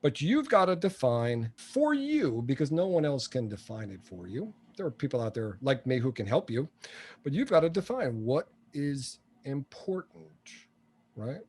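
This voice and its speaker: This entrepreneur and coach in his sixties is a blunt, joking storyteller in a relaxed interview. He speaks at normal speed in a medium-pitched, slightly mellow, husky voice with big pitch swings.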